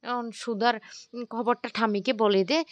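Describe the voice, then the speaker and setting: A woman retelling a TV serial plot in a rushed way, with frequent self-corrections and fillers. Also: a little high, steady tone, dry recording, muffled recording. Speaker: storyteller recapping a TV serial.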